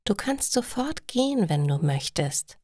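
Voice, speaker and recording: A woman voicing a calm female meditation teacher who speaks quietly and slowly. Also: medium pitch, no echo, clean studio sound. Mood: gentle. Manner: quiet, slow, soothing instructions.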